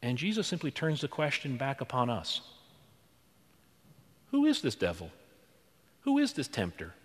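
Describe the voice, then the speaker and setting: A man preaching in a church, working through rhetorical questions and repeated phrases. His somewhat high voice rises and falls widely. The sound rings with the long reverb of a large hall. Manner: dramatic, rhetorical questions and repetition. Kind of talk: sermon.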